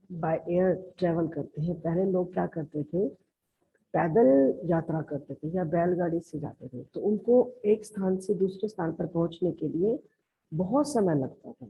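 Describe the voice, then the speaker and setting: Woman, teacher, Haryanvi Hindi accent, patient classroom explaining, lowish voice, lo-fi recording. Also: slight background noise. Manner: explains patiently, calls listeners "beta". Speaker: school teacher. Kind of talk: classroom grammar lesson. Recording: lo-fi, narrow band.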